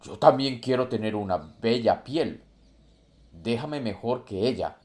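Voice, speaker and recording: A man voicing a greedy, envious male puma who speaks low and soft in a storybook tale. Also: expressive, unhurried, natural voice.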